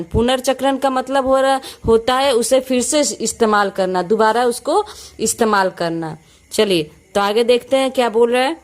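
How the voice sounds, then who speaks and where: Indian woman slowly explaining English words. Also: a little high. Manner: repeats and explains each phrase, reads English slowly word by word. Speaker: English teacher, channel host.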